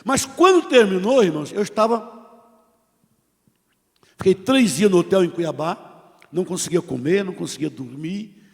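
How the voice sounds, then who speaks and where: High-voiced Brazilian pastor preaching in reverb. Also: male voice, expressive, moderate pace, gravelly, pauses often. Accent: Brazilian Portuguese. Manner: dramatic storytelling, swings from hushed to loud. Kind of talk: sermon with personal testimony. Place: church sanctuary. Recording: long church hall reverb.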